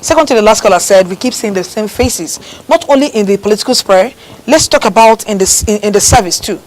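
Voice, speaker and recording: Woman, call-in show host, brisk, middle pitch. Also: a little mellow, low-quality recording. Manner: brisk, takes calls, presses callers to speak up. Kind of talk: broadcast call-in talk.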